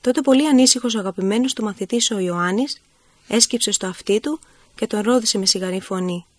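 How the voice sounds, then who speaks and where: A woman calmly reading a Bible story in scripted, measured narration. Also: medium pitch, no room sound.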